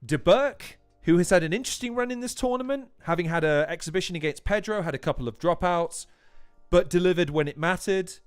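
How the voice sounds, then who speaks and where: A man hosting a casual livestream chat, excitable and jokey, teasing his guests as he steers the talk. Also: high voice, brisk, clean tone, dry recording, faint music behind. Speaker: host.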